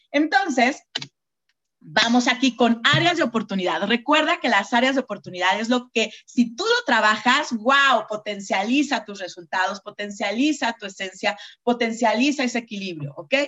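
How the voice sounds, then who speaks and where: Expressive Mexican woman mentor. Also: fairly high pitch, highs cut off. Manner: expressive, repeats words for emphasis. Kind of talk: mentoring talk.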